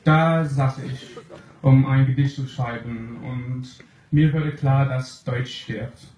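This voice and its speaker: A man's voice: mid-range voice, steady tone, a little mellow. A young man from England with an English accent, speaking a second language and reading a comic slam poem from a sheet on a club stage. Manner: reads from a sheet, slow and deliberate. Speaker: poetry slam performer. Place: small club stage with audience. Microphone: stand mic, filmed from the crowd. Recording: roomy club audio, faint noise.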